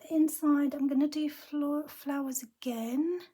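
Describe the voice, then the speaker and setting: This card-making tutorial is taught by a woman whose croaky voice sits high, with a dark, steady tone and an unhurried pace. Chatty and casual, she keeps murmuring half-whispered notes to herself as she works.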